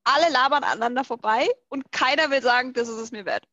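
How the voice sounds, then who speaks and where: A woman's voice: high voice, fast talker, pushed and bright, lo-fi sound. A woman co-hosting a casual chat, dropping teasing remarks. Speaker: podcast co-host.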